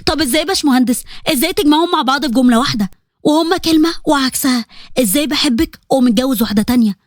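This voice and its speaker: Casting: a woman playing a heartbroken young woman, Egyptian accent, high teary voice, rapid outbursts, dry sound. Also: dry recording, lightly acted. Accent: Egyptian Arabic. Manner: tearful, pleading, rising to outbursts.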